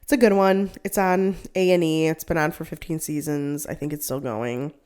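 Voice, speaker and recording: A woman's voice: sits low, steady tone, moderate pace, a little mellow, clear, resonant tone. A young woman co-hosting a casual chat, rambling with lots of "like" and frequent laughter. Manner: rambling, heavy use of "like", laughs often. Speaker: co-host.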